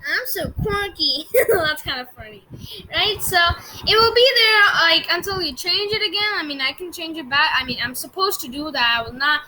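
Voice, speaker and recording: A woman's voice: very high-pitched, brisk, sharp tone, a little hiss or hum, poor audio. A woman hosting a casual tech tutorial, chatty and giggly, with many fillers. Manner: giggly, breaks into fits of laughter. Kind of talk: casual screen-recorded tutorial.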